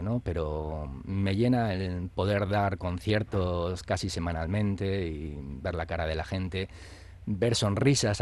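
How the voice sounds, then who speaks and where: Guest: man, very low voice, reflective singer-songwriter. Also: darkish tone. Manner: reflective, often ends phrases with a questioning tag. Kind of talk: radio interview.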